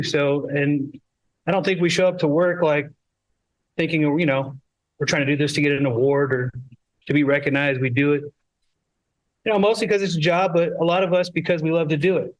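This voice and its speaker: A relaxed man speaking as a school board member, chatting his congratulations in an easy, conversational way. His voice sits a touch higher than most men's. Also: low-quality recording. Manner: casual, conversational. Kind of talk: informal remarks at a board meeting.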